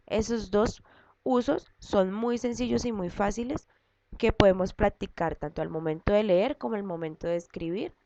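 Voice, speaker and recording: Woman teacher walking pupils through a lesson step by step, patient and repetitive; muffled low-fi recording. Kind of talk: recorded class lesson for students. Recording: dull lo-fi audio with loud background noise and clicks.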